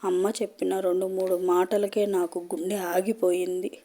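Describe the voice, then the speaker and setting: A woman tells a first-person horror story in a hushed, unhurried way. Her delivery stays flat and even, and her tone is soft and mellow. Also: on the low side.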